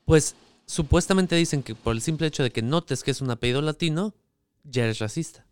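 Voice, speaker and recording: A man's voice: on the high side, a little fast, clear, resonant tone, no echo. A man co-hosting a casual political discussion, explaining points at length and chiming in to agree.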